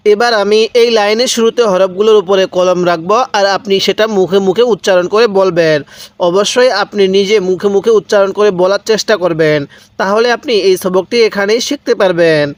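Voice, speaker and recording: A man teaching Quran reading step by step, patiently repeating rules and slowly drawing out each syllable as he spells out the letters. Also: high-pitched, no echo. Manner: patient, repetitive explanations. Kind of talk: step-by-step recitation lesson.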